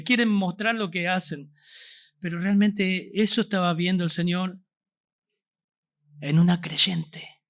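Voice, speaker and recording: Argentine male pastor, high voice, sermon addressed to the congregation with rhetorical questions. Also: bright, forceful tone. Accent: Argentine Spanish. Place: church service.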